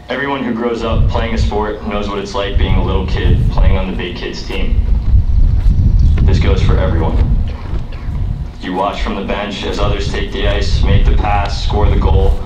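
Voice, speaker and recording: A young man from the US stands at a podium on an outdoor lawn giving an earnest student commencement speech that builds to emphatic declaiming. His low voice stays level at a measured pace, and he pauses often. The podium mic, recorded by a distant camera, yields roomy, dull outdoor PA audio that is very noisy.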